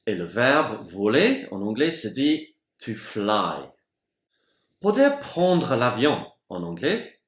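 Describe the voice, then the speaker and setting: Slow, careful male language teacher. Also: medium pitch, fairly bright tone. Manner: slow, careful pronunciation of example words. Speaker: English teacher. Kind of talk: bilingual vocabulary lesson. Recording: roomy echoey room.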